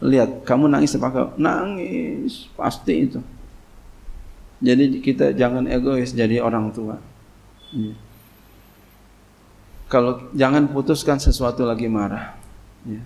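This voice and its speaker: A creaky, darkish mid-range male voice with fairly even intonation teaches tafsir. The cleric reads Arabic slowly before explaining in casual Indonesian, repeating "ya" often, as part of a kitab study sermon.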